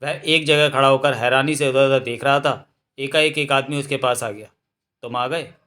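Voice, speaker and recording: A man reading a novel aloud as narrator, in a steady storytelling manner, correcting an occasional slip. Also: mid-range voice, moderate pace.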